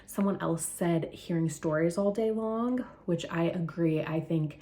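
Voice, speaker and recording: A woman's voice: on the low side, measured pace, dark tone. A young woman, a therapist hosting her own channel, talking in a chatty, earnest vlog, a little out of breath. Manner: chatty, earnest, filler-heavy. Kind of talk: casual talking-head vlog.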